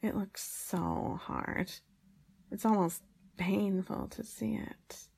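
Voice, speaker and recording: Casting: woman to play adult woman as a grudging, teasing maid in intimate audio role-play; heavy vocal fry, husky, unhurried. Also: medium pitch, fairly even intonation, a little mellow, heavily acted. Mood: smug, teasing.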